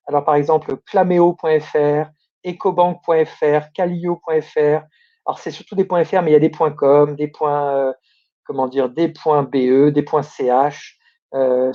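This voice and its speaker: Man, opinionated news commentary, grumbling, mellow dark voice, slightly lo-fi. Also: on the high side. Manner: opinionated, grumbling, many fillers and restarts. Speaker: domain name news host.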